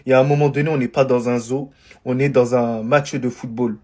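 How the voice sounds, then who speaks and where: A man's voice: mid-range voice, fairly even intonation, a little fast, a little mellow. A man in an indignant, scornful rant, piling up insults. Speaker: football commentator.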